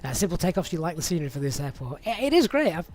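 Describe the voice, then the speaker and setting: A man's voice: a little high, sing-song, rapid-fire, darkish tone. A man hosting a flight simulator live stream, mixing casual chat with pilot checklist and radio procedure talk.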